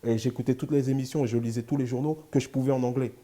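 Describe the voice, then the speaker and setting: Speaking quickly in a dark, mid-range voice, a man from France appears as an interview guest, a lawyer and sports agent, giving candid answers. He stays steady and emphatic, stacking his points in short, repeated phrases.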